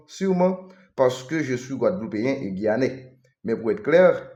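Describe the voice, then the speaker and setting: A man's voice: medium pitch, darkish tone, roomy sound. A man with a Haitian accent presenting sports news, moving between Creole and French and reading quotes aloud.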